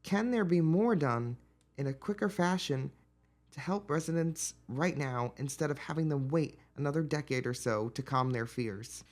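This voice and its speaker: A man's voice: fairly high pitch, moderate pace. A male news reporter reading a scripted report narration.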